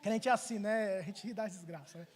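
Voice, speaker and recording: A middle-aged pastor preaches a sermon in church, telling a personal story and swinging animatedly between loud and hushed delivery. His voice is high-pitched and brisk, with slight background noise.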